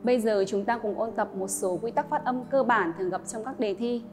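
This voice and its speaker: A woman teacher, slowly modelling English sounds and explaining pronunciation rules to students. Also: a little high. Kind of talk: classroom lesson narration. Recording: long reverb with faint music.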